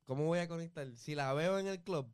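A man's voice: fairly high pitch, fairly quick, darkish tone, smooth, no room sound, studio quality. A man co-hosting a casual podcast chat, tossing English words into his Spanish as he jokes about dating. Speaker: podcast host. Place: Miami.

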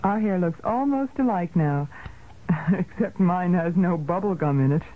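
Upbeat mom selling stuff on radio, animated, thin phone-like audio. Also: female voice, lowish voice, unhurried. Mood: cheerful. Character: cheerful mother in a hair color commercial. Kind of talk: scripted radio commercial testimonial. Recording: tinny, narrow-band radio recording.

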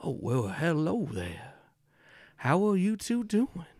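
A man acts out a genial gunslinger in a tabletop game, lifted well above his usual pitch. He is folksy and excessively polite, with a sinister charm beneath the courtesy. The sound is close and dry. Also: huge pitch swings, takes it slowly, darkish tone, no room sound, full character voice. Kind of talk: tabletop role-play.

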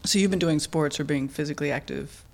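A woman's voice: low voice, quick pace, gravelly, a little mellow. A woman interviewing someone casually, asking curious follow-up questions and giving brief affirmations.

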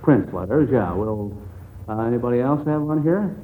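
Hosting a children's quiz show on 1940s radio, this American man sounds folksy and encouraging, with a medium pitch, lively intonation, moderate pace and dark tone. It comes through as a muffled, narrow-band old recording.

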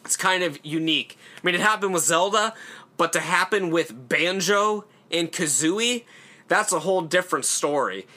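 A young horror channel host with a high voice and sharp tone talks at a moderate pace in casual solo commentary. He rambles about games conversationally, with fillers and an occasional swear.

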